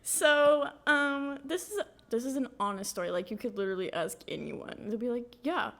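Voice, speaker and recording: A young woman co-hosting a podcast, telling stories in a casual, animated way with lots of fillers. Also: fairly high pitch, moderate pace. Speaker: podcast co-host. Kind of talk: casual chat.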